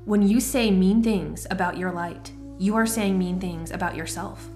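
Woman voicing a stern wise mentor woman, calm, firm, storybook, soft music behind. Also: fairly low pitch, moderate pace, close to an everyday voice. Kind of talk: storybook reading.

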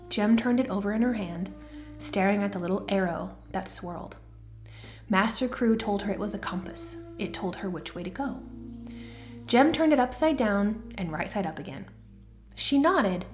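A woman narrating a children's storybook in a gentle, even-paced reading. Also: mid-range voice.

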